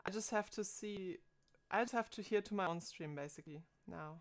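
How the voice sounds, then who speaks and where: Streaming live from home, a twenty-something woman talks casually into her desk mic, thinking out loud as she tries to figure out her setup. She speaks briskly at a medium pitch.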